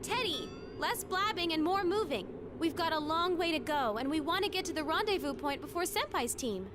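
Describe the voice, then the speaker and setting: A perky, bossy teenage girl from a game. Her voice is extremely high, with clear noise behind it. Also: expressive, normal speed. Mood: firm. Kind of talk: video game voice acting. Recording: noisy background.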